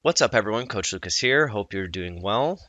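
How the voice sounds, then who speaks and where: A man speaking as a coach in a personal vlog, earnest and reflective, often halting mid-thought. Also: lowish voice, animated, pushed and bright, dry recording.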